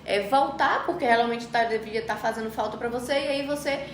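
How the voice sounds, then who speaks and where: Female podcast host, high-pitched, hesitant delivery, roomy echo, faint ambience. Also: brisk, slight background noise. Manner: hesitant, with frequent fillers and restarts. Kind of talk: interview questions and conversational chat.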